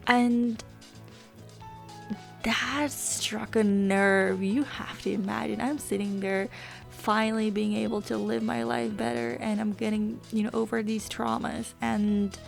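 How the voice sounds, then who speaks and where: A woman's voice: medium pitch, gravelly. A woman vlogger chatting candidly in a casual confessional style, venting and swearing freely. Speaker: gaming vlogger. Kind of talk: casual confessional vlog chat.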